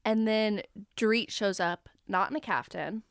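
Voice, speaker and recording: A woman co-hosting a casual podcast, gushing through TV recaps in a bubbly, quick way. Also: medium pitch, clean tone, dry recording, studio quality. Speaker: co-host.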